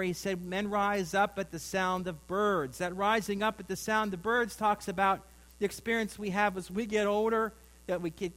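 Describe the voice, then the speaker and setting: High-voiced folksy preacher man. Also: fairly bright tone, low-quality recording. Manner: folksy, rambling, with frequent restarts and asides to the congregation. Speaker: pastor. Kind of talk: sermon.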